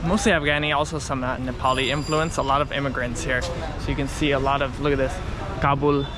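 A man's voice: mid-range voice, fairly even intonation, brisk. A man in his twenties with an American accent, chatting enthusiastically as a travel vlogger and asking simple questions. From USA. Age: 20s. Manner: enthusiastic, asks simple questions with repeated echoes. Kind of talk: casual vlog chat. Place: outdoor busy street at night. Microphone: handheld action camera at arm's length. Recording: noisy night street with traffic.

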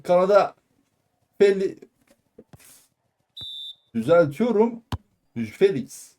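A man giving live football play-by-play in clipped phrases, calling out player names and shouting excitedly at goals and shots. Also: high voice. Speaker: football commentator. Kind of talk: live play-by-play match commentary.

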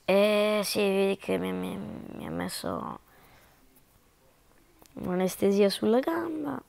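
A woman's voice: mid-range voice, slow, vocal fry, darkish tone, slight background noise. A woman hosting a gaming channel, chatting along as she plays out a role-play and narrates her own moves. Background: background music.

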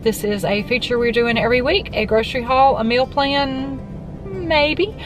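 A woman's voice: high-pitched, normal speed. A middle-aged woman hosting a cooking channel, chatting casually and talking through prices and meal plans, filmed at arm's length in a parked car. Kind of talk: casual vlog chat.

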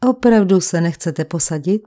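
A woman's voice: on the low side, mellow, lightly acted. A woman reading a nervous young maid with a slight Italian accent. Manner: anxious, defensive. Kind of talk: audiobook character voice.

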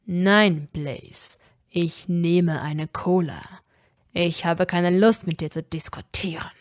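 A woman's voice: mid-range voice, lively intonation, slow, no room sound, studio quality, voice pushed down. A woman voicing an irritable young male wizard who hisses and snaps in a storybook reading. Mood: curt. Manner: growling, hissing, curt.

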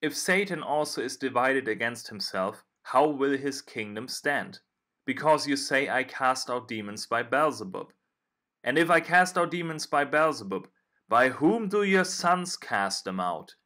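A man reading scripted voice-over and scripture passages in an even, read-aloud way. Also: mid-range voice, measured pace.

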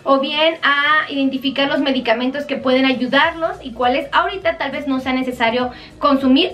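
A woman's voice: high-pitched, a bit bright, recorded from a distance. A woman doctor with a Mexican accent giving earnest, pleading health advice to viewers on a live stream.

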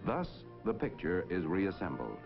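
A man's voice: sits low, huge pitch swings, a little slow, vocal fry. 1950s broadcast man, lo-fi with music. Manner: stately, declamatory announcer delivery. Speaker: narrator. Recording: dull lo-fi 1950s film soundtrack with music.

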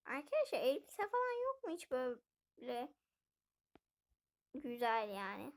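With a high, sing-song voice and an unhurried pace, a female gaming host narrates her life-sim play in a chatty way, repeatedly talking straight to her viewers.

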